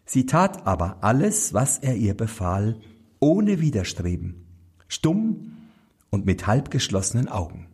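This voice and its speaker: A man reading a fairy tale aloud, slow and very expressive. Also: mid-range voice, breathy edge. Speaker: storyteller.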